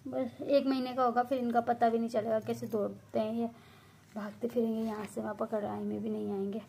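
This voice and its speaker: A woman's voice: on the high side, level tone, brisk, vocal fry, warm tone, husky. A woman hosting a casual pet vlog, chatting to viewers and coaxing her cats to come and eat. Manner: coaxing, calls pets by name. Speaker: cat owner and channel host.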